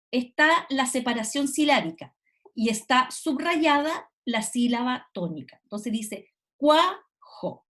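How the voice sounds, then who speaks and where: High-voiced woman teaching online. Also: a bit bright. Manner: explanatory, frequent "¿cierto?" check-ins. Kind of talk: online class explanation. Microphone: video call.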